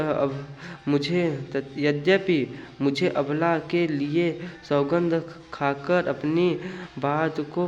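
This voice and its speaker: A man walks through an exam paper, reading each question and answer slowly. His pitch sits a little high but barely moves, and he often restarts words. The sound is muffled and lo-fi. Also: darkish tone. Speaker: teacher.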